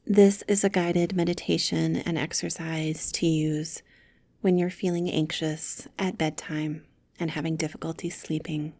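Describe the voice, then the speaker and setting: A woman guides a meditation, giving soft, gentle, soothing instructions in a breathy voice that often drops close to a whisper. Her voice sits low with a level tone, and she speaks a little slowly in a recording with no echo.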